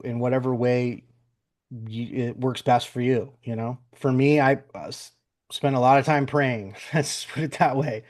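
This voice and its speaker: A man hosting a podcast, speaking in a middle-pitched voice. He talks in a loose, rambling way, with lots of fillers and restarts, like a friendly open chat. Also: darkish tone. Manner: rambling, repeats words, many fillers. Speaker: podcast host. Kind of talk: casual interview chat.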